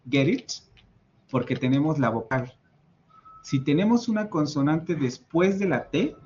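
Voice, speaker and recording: Patient teacher with a Mexican accent, lively voice. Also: male voice, a little high. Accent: Mexican Spanish. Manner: patient, explains slowly with many fillers and repetitions. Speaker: English teacher. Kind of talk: online class explanation. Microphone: video call. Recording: slightly muffled video call audio with faint noise.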